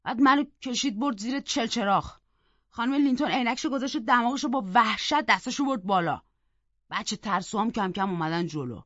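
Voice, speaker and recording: A woman narrating a novel in an expressive, storytelling way, slipping into the voices of the characters. Her voice sits a touch high and is heard dry and close in a slightly dull, muffled recording. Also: no echo. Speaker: audiobook reader.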